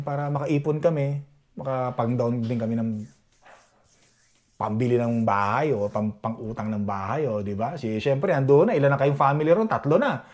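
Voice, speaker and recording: A man's voice: a little high, darkish tone. A man from the Philippines, a vlogger, chatting casually to his viewers and often asking "di ba?" to check they agree. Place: Edmonton, Canada.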